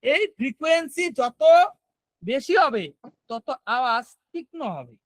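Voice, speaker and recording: A man's voice: extremely high pitch, expressive, moderate pace, fairly bright tone, no echo, low-quality recording. Guy teaching online, keeps asking if you got it, dry close sound. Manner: explains step by step, often checks if students follow. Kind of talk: online class lecture.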